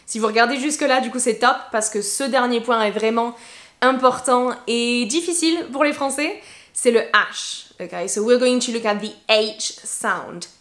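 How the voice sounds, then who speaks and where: A woman whose first language is French, teaching English pronunciation in a bilingual lesson and slowly drawing out example words. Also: on the high side, a bit bright. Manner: switches between English and French, slow drawn-out examples. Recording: echoey room.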